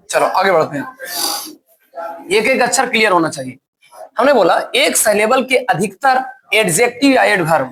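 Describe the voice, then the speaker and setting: A male teacher gives a classroom grammar lesson. He explains slowly, then asks the class questions and answers them himself. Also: sits high.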